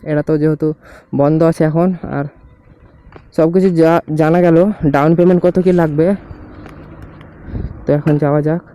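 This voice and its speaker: A man's voice: fairly high pitch, flat delivery, normal speed, pauses often, warm tone, smooth, no room sound. A young man with a West Bengal accent chats casually to vlog viewers from inside a helmet. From West Bengal, India. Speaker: motovlogger, host. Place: outdoors on a motorbike, inside a helmet. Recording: noisy outdoor road and vehicle sound.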